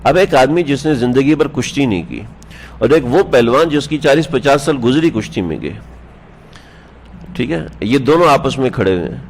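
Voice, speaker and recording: A male religious scholar giving a sermon, telling stories with rhetorical questions to his listeners and chuckling now and then. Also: medium pitch. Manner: chuckles while telling anecdotes. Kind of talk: Urdu sermon on the Prophet's life. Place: standing on a prayer mat, indoors.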